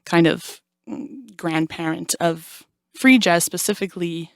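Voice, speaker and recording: A young woman with a slightly low voice talks about her music in an animated way, slipping into the voices of people she quotes. The sound is dry and close. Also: unhurried, no room sound. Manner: animated storyteller, acts out quotes. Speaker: jazz vocalist, guest. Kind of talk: casual interview chat.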